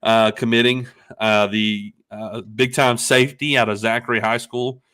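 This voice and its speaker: A man's voice: on the low side, level tone, a bit bright. A man hosting a live sports show, talking casually with frequent "uh"s and restarts. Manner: halting, many fillers and restarts. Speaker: podcast host. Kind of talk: casual live-stream chat.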